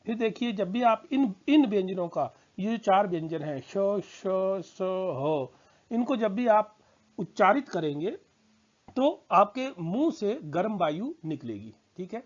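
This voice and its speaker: Man, slow-paced teacher, patient and repetitive, slightly dull lo-fi recording. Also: high voice, very animated. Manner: patient, repeats words and checks understanding. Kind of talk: slow spoken grammar lesson.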